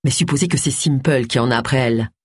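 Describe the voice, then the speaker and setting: An earnest male police officer argues his point, read by a woman narrator in her own husky voice. The sound is dry and close. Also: extremely low pitch, fast talker, no room sound, pitched below the performer's own voice.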